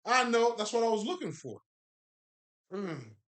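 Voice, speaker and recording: A Haitian-accented man talks casually about spiritual matters, his voice extremely high-pitched and a bit bright. Profane, emphatic and laid-back, he laughs often as he speaks in an echoey room, and he is a spiritual speaker.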